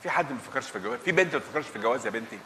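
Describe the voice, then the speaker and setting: Bright-voiced, animated Egyptian father, flustered and pleading, roomy stage sound. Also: mid-range voice, racing, slight background noise. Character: simple retired Egyptian father, flustered husband. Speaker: stage actor. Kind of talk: live comedic stage acting.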